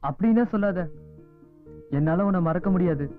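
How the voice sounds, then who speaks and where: A man's voice: high voice, moderate pace, natural voice. An actor playing a desperate, lovesick young man who begs in a film drama. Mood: pleading. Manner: pleading, desperate. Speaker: film character. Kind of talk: Tamil film drama acting. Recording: tinny lo-fi film audio with music.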